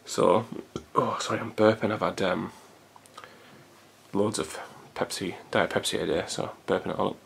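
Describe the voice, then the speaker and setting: A deep-voiced man in his thirties talks to a home camcorder, loose and rambling. His voice sits low with a gravelly fry running through it, and he swears now and then in an easy, everyday way. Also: steady tone, normal speed, fairly bright tone, slight background noise. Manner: rambling, chatty, swears casually. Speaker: vlogger. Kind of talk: casual chat to camera. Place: hot room at home. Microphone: camcorder built-in mic.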